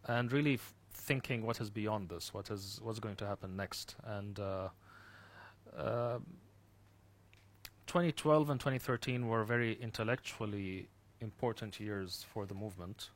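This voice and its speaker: A man from the Gulf region, a guest speaker recounting his experience thoughtfully, with many fillers and restarts that trail off quietly. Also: lowish voice, measured pace. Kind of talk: personal account in an interview.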